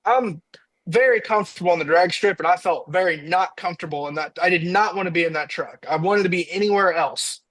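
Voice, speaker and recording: Higher-voiced man from Indiana telling stories. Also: brisk, dry recording, poor audio. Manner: lively storyteller who acts out his own quotes. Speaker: podcast guest, diesel truck racer. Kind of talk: casual storytelling chat.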